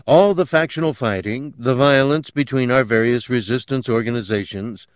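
A man reading an audiobook, voicing a self-assured middle-aged male professor who recounts his youth in a rueful, self-mocking way. His voice is at a middle pitch for a man. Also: normal speed, no echo, clean studio sound, close to an everyday voice. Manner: self-mocking, confident retelling. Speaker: interviewee.

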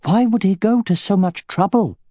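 A man voicing a fierce female elf warrior with sharp, urgent questions in a raised voice. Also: high-pitched, normal speed, dry recording, voice pushed up. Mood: angry.

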